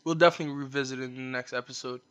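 A man's voice: mid-range voice, fairly even intonation, racing, fairly bright tone, clear, resonant tone. A young man co-hosting a casual podcast, talking emphatically and often checking in with "you know what I mean.". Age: young adult. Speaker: podcast co-host. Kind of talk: casual chat.

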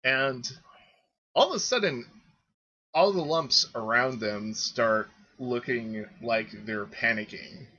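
Slow, husky-voiced man running a game. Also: medium pitch, pushed and bright, highs cut off. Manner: halting, searching for words with ums and repeats. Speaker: game master. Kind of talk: narrating a tabletop game.

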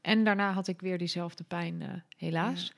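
A woman guest telling a personal story in a casual interview. She talks candidly and hesitantly, with frequent pauses, filler sounds and restarts, and laughs easily. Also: on the low side, steady tone, vocal fry. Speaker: podcast guest.

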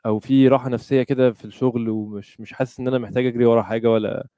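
A man with an Egyptian Arabic accent talks as a podcast guest in a mellow, relaxed tone. He speaks quickly and casually, slipping English words into his Arabic. The sound is dry and close. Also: medium pitch, no echo. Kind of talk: casual chat.

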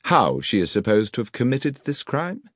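A man acts out a gentleman detective in a storybook. He is shrewd, formal and dryly ironic, with precise, commanding delivery. His intonation swings widely, and the sound is close and dry. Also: mid-range voice, wildly swooping pitch, normal speed, no room sound, voice pushed up.

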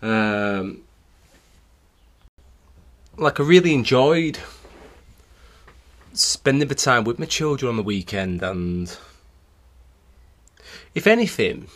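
A man's voice: medium pitch, slow, long pauses. Man in his thirties, cycling coach, tells podcast stories animatedly in a mid-range voice. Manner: animated storytelling, acting out remembered exchanges. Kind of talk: solo podcast storytelling.

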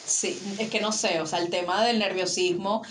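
A woman's voice: mid-range voice, steady tone, normal speed, reverberant, a little hiss or hum. A young woman with a Venezuelan accent, telling stories in slangy casual chat as co-host. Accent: Venezuelan Spanish. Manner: slangy storytelling, quotes voices. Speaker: podcast co-host.

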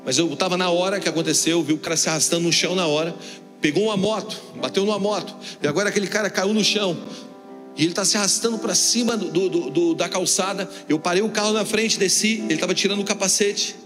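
A man preaching a sermon in Brazilian Portuguese, telling a story and acting out the dialogue in an animated way. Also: high-pitched, quick pace. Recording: long hall reverb with soft music behind.

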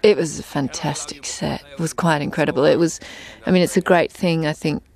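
A woman's voice: low voice, fairly even intonation, brisk, darkish tone. A woman actor giving film commentary, recalling the shoot with admiration.

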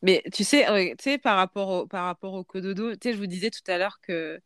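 A woman's voice: mid-range voice, a little fast, a bit bright, clear, resonant tone, dry recording, clean studio sound. Hesitant woman thinking aloud. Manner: hesitant, many fillers and restarts while thinking aloud. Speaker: podcast host parent. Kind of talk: casual podcast chat.

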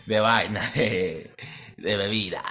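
A man, co-hosting a podcast, bantering and teasing in relaxed casual chat. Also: on the low side, takes it slowly. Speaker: podcast co-host.

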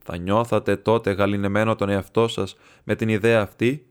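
A man voicing a meek, earnest older monk who speaks gravely and pointedly. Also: fairly low pitch, little pitch movement, natural voice. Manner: grave and piercing.

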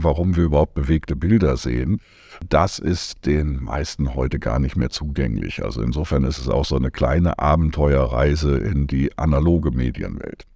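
A man's voice: very deep voice, gravelly, mellow, no room sound, clean studio sound. A middle-aged man, a media education consultant, explaining his teaching in a podcast interview, thoughtful with many fillers. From Germany.

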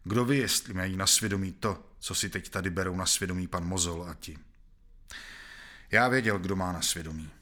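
A man narrating a novel in the first person, reading in a measured, grave manner. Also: low-pitched, bright, forceful tone.

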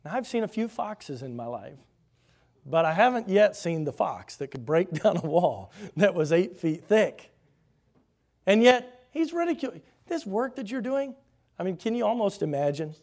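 A man preaching a sermon, animated, slipping into mocking voices when he quotes the scoffers. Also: high voice, moderate pace.

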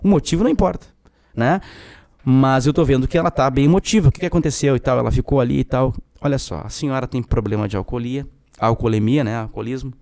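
A man in his forties with a southern Brazilian Portuguese accent, a podcast guest telling stories from his work in a frank, animated way. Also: mid-range voice, quick pace, vocal fry, no room sound. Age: 40s. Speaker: podcast guest, public defender. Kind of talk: casual storytelling.

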